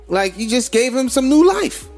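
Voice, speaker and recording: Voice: medium pitch, normal speed, faint music behind. A co-host with a Southern US accent chatting casually about home life on a podcast. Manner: relaxed, laughing along, short reactions. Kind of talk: casual chat.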